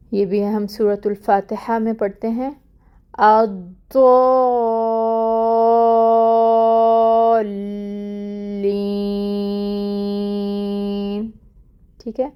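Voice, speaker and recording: A woman teaching Quran pronunciation in an online lesson. She explains quickly, then recites each example word slowly and more loudly, and often checks in with "theek hai". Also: mid-range voice, vocal fry, dull audio.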